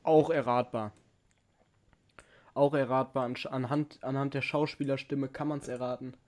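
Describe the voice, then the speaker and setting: A man's voice: medium pitch, steady tone, moderate pace, a little mellow. A man hosting a casual guessing game with friends, teasing and joking as he talks. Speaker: quiz host.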